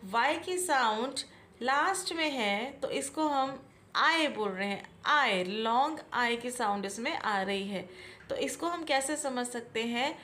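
Indian lady teaching english, talks slow n patient, keeps asking questions back. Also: on the high side, lively intonation, bright, forceful tone, slight background noise. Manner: slow, patient, repeats key points and asks questions back. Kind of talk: classroom-style explanation.

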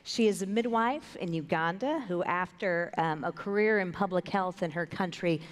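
A woman in her thirties moderating a conference panel, introducing the guests in a measured way with many fillers. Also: on the low side. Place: large conference stage with long reverb. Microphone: headset mic. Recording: reverberant large hall.

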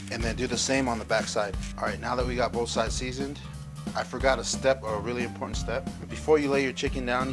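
A man's voice: mid-range voice, recorded from a distance. A man casually walking viewers through a home cooking tutorial in his kitchen, chatty and easygoing as he cooks. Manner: relaxed, chatty, talks while cooking. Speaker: cooking vlogger.

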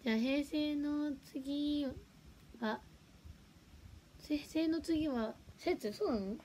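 A woman's voice: sits high, slow pace, dark tone, a little hiss or hum. A young woman chatting casually on a livestream, giggling and reacting to viewer comments. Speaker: livestream host.

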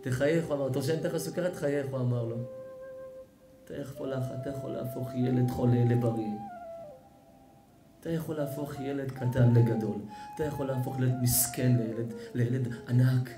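A man, a rabbi, giving an emotional sermon, swinging between loud outbursts and hushed storytelling. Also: mid-range voice, steady tone. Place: synagogue or event hall. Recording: echoey hall with music behind.

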